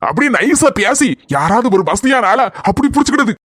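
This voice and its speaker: A man's voice: very high-pitched, animated, fairly quick, noisy background. A man voicing a stern, lecturing police officer in a cartoon, with a Kanyakumari Tamil accent and a scolding, explanatory way of talking. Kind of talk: cartoon dialogue.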